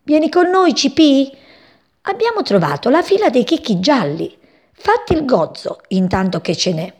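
Chirpy sparrow buddies, high and excited, lady voicing them. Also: moderate pace, husky, exaggerated voice. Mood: eager. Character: flock of chirpy sparrow companions.

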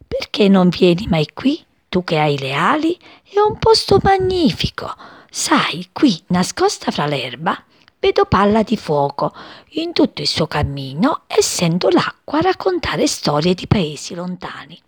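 A woman voicing a shy, lonely little daisy flower who speaks softly and timidly. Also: huge pitch swings, measured pace, husky, no room sound, full character voice. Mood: wistful. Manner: soft, timid and high.

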